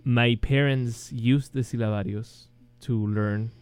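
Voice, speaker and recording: A man's voice: mid-range voice, fairly even intonation, slow pace, clear, resonant tone, no echo. A man from Chile with a Chilean Spanish accent, a guest speaking English as a second language in an interview over a video call, with many ums and restarts. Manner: hesitant, many ums and restarts, chuckles softly. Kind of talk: interview, casual chat.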